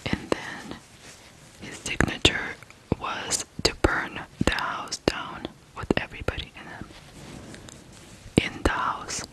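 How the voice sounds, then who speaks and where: Speaking in a hush, this Ukrainian ASMR creator tells a true crime story slowly and carefully, leaving pauses between brief phrases, over a rough recording.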